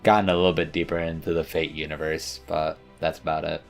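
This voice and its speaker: Deep-voiced young man, dry asides. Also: level tone, quick pace, creaky, faint music behind. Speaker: channel co-host. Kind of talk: casual chat.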